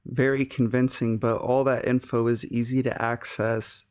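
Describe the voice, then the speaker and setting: A man narrating scary stories in a slow, even storytelling delivery. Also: medium pitch, clean tone. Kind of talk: scripted narration.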